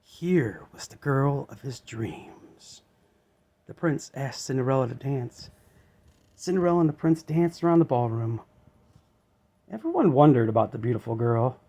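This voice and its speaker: A man narrates a children's story aloud with plenty of expression. His voice is mid-range and his pace a little slow.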